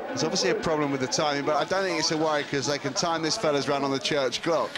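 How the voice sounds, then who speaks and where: A man's voice: on the high side, fairly even intonation, fast. A man giving live ski race commentary, amused and often laughing.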